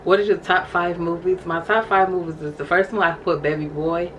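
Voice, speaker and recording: A woman's voice: on the low side, fairly even intonation, fairly quick, fairly bright tone, a little hiss or hum, poor audio. A young woman vlogging casually, reading from her journal and calling her viewers y'all. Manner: chatty, addresses viewers as y'all.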